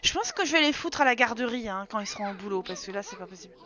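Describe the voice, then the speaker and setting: Bright-voiced woman streaming a life sim. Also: on the high side, expressive, rapid-fire. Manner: chatty, exasperated, talks to game characters and chat. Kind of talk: casual live game commentary. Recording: slightly dull stream audio with game music.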